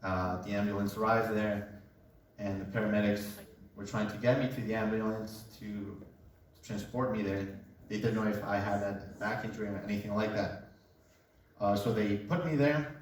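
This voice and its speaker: A man's voice: on the low side, moderate pace, distant mic, a little hiss or hum. Young man telling his story in an echoey room. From Colombia. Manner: relaxed, joking storyteller. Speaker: speaker giving a testimony. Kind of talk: casual personal testimony. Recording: echoey room, voice away from mic.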